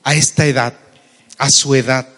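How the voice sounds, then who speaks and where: A man's voice: medium pitch, fairly even intonation, normal speed, fairly bright tone. A Mexican man preaching a sermon as pastor, asking his listeners questions and calling them brother. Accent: Mexican Spanish. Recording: long hall reverb.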